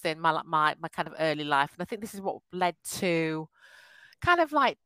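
A woman's voice: sits low, big pitch swings, moderate pace, smooth, no room sound, poor audio. A woman, a podcast guest telling her life story in a chatty way over a call. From England. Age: 50s. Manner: laughs often, warm and chatty, restarts sentences. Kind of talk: casual interview over a call.

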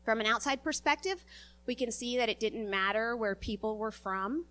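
A woman giving an earnest church sermon, a little sniffly from a recent virus and halting at times with fillers. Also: a little high, fairly bright tone. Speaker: lay preacher.

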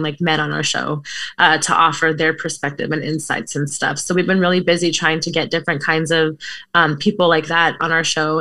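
A woman's voice: deep voice, pushed and bright, no echo, studio quality. A woman co-hosting her own podcast, guesting on another show in chatty, casual talk.

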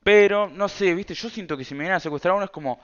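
A man's voice: high-pitched, fast, a bit bright, smooth, muffled recording. A young man with an Argentine Rioplatense accent, hosting a casual storytelling podcast and rambling through an anecdote in heavy slang. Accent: Argentine Rioplatense Spanish. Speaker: podcast host. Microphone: self-recorded camera setup.

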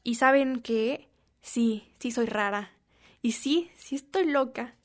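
A young woman with a Mexican accent talks straight to her viewers in a casual, playful way. Her voice sits a little high, and she drops slang as she cheers them on. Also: slow. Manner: chatty, playful and encouraging, slangy. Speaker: vlogger. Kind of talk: casual self-help talk to camera.

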